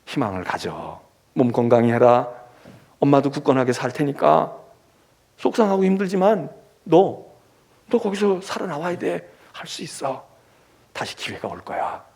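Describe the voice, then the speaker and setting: Warm, hushed motherly comfort played by a man, gravelly underneath, rising and falling softly. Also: fairly high pitch, sing-song, moderate pace, long pauses, full character voice. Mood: tender, soothing. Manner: soft, hushed and tender. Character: mother gently comforting her imprisoned child.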